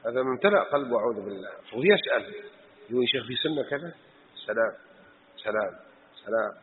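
Fast-talking man admonishing. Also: medium pitch, expressive, slight background noise. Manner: admonishing, rhetorical questions. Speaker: mosque teacher. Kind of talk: religious lesson. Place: mosque. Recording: tinny phone-like recording in a reverberant hall.

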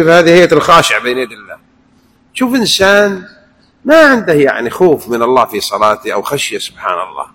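A man teaching a religious lesson, animated and acting out the recitations he describes. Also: fairly high pitch, low-quality recording. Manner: animated, demonstrates recitations aloud. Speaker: preacher.

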